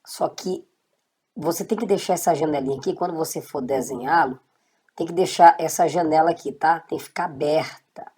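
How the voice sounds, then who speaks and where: Low, husky woman teaching Hebrew. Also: normal speed, warm tone. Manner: patient, checks in with students often. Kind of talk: casual online language lesson.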